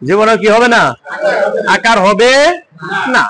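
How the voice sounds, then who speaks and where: A man's voice: high voice, measured pace, bright, forceful tone, low-quality recording. A man teaching Quran letters and vowel marks, drilling students with repeated questions and chanted answers. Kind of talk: call-and-response lesson.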